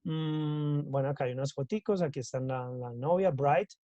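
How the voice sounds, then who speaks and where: A man's voice: a little high, fairly even intonation, normal speed, warm tone, no echo, muffled recording. Man teaching English, dry sound. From Colombia. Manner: switches between Spanish and English, checks in with repeated "listo?". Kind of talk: recorded class explanation.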